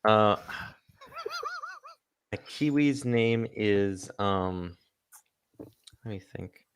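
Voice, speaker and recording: A man's voice: on the low side, extremely slow, a little hiss or hum. A man playing a tabletop game who talks hesitantly, with many fillers. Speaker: player. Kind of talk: casual tabletop play.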